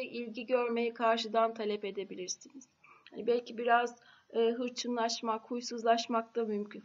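A woman astrologer giving a horoscope talk, unhurried and halting with drawn-out filler sounds, her voice a little hoarse after being ill. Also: fairly high pitch. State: voice slightly hoarse after illness. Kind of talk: monthly horoscope talk to camera. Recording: dull lo-fi recording.

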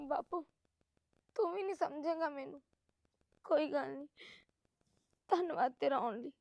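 A woman's voice: high voice, moderate pace, creaky, a little mellow, no room sound. An actress playing a young wife who insistently pleads that she has been wronged. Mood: pleading. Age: young adult.

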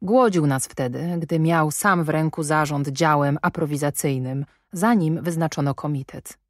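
A woman reading an audiobook, voicing a reserved, proud young governess who answers in a plain, quietly firm way. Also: deep voice, moderate pace, no room sound, studio quality, lightly acted. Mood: earnest. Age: young adult.

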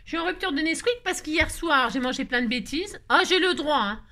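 A woman's voice: high-pitched, animated, a little fast, bright, forceful tone. A woman, hosting a scrapbooking vlog, talking in a playful, rambling way, full of fillers and teasing asides. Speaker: scrapbooking channel host. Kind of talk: chatty mail-opening vlog.

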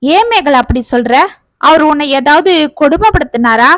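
Woman doing a soft worried young guy in a family story, high voice, dry sound. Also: lively intonation, moderate pace, dry recording. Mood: concerned. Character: young man, gentle, worried family friend.

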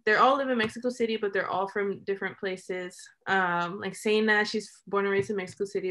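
This young adult American woman, a documentary filmmaker, rambles informally about her projects over a video call, leaning heavily on "like" and laughing softly mid-sentence. Her mid-range voice has a fairly bright quality. The sound comes from a computer mic in a small room at home.

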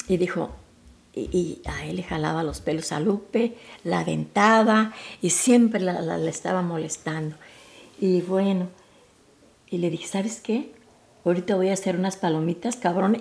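A woman in her seventies with a Mexican Spanish accent, telling family memories in a rambling, halting way and often dropping to a near whisper. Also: fairly low pitch, creaky. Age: 70s. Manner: rambling and halting, with frequent restarts and soft, near-whispered asides. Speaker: mother recalling family memories. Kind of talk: informal family storytelling.

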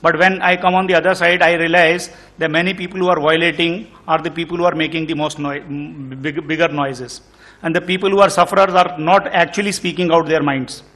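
A man's voice: on the high side, a bit bright. A middle-aged man with an Indian English accent, speaking earnestly as a panelist at a conference table mic, often restarting his sentences. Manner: earnest, concerned, many restarts. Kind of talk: panel discussion remarks. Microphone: table microphone on stand.

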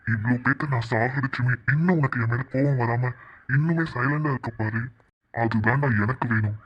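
Picture a cartoon villain, voiced by a man, who gloats and sneers as he lays out his threats, calm and cruel. The voice sits at an ordinary middle pitch. The recording is dull and lo-fi. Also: close to an everyday voice. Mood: menacing. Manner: slow, sneering, threatening taunts. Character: gloating vengeful male villain taunting a rival. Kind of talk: cartoon voice acting.

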